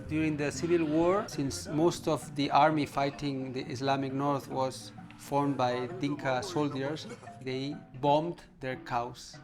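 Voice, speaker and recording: A man's voice: medium pitch, level tone, slow pace, over music. A man giving an explanatory documentary interview, often ending points with a tag question.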